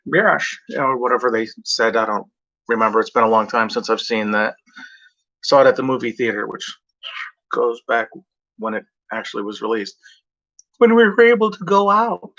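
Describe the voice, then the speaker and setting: A man chatting in a loose, meandering way, drifting from one half-remembered story to the next and cursing now and then. His voice has a bright, forceful edge. The recording sounds dull and lo-fi. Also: mid-range voice. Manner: meandering, off-script, swears freely. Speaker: vlogger. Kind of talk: rambling casual chat.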